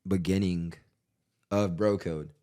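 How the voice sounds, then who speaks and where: A very deep-voiced man chatting casually on a podcast. He tells stories with energy and swears freely. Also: takes it slowly. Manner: animated storyteller, swears freely. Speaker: podcast co-host. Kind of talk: casual chat.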